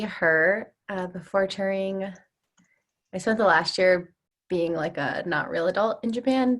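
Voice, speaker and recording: A woman from Indiana introducing herself to her class on a video call, casual and relaxed. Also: medium pitch.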